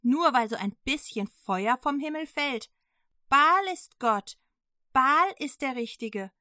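A woman voicing an enraged, domineering queen who speaks in scornful, shrill outbursts. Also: a little slow, sharp tone, no echo, clean studio sound. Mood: furious scornful.

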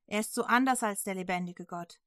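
A woman's voice: medium pitch, a little fast, bright, forceful tone, no room sound, clean studio sound, close to an everyday voice. Woman voicing firm king Ahab. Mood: defiant. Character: defiant male king Ahab, plain-spoken.

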